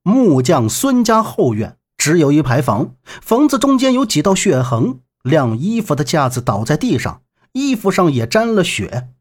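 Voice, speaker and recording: Husky male narrator, high voice, expressive dramatic serialized novel reading. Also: moderate pace. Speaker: audiobook narrator.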